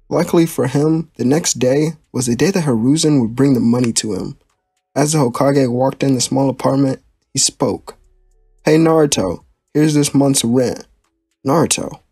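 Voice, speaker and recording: A man's voice: mid-range voice, darkish tone, slightly rough, no room sound, clean studio sound. A young man hosting his channel and narrating a fan story in a casual, plain way. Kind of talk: reading a fan story aloud.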